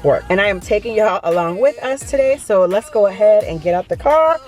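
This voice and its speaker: A woman vlogger, talking in a chatty, excited way at an outdoor holiday market. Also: medium pitch, a little fast, soft background music. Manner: excited, chatty, says y'all a lot. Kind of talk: casual vlog chat.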